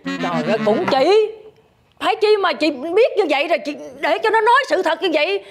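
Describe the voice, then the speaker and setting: A woman's voice: extremely high pitch, expressive, brisk, faint music behind. An actress playing a nosy, talkative middle-aged woman who rambles and teases. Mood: teasing. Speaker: neighbor or relative of the family. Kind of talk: TV family drama acting.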